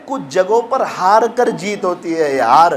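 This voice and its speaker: A man gives a sermon in a fairly high voice, telling moral stories and raising his pitch when he acts out the people in them. A faint hiss of noise sits under the recording. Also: expressive. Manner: emotional, acts out quoted voices with rising pitch. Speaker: preacher. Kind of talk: sermon with storytelling.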